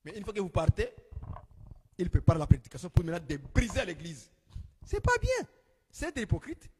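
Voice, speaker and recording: A man preaching an exhortation, swinging between shouted rebukes and quiet asides. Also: animated, brisk, a little hiss or hum. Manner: exhorting, rising into shouts then dropping low. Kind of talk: sermon. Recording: long hall reverb.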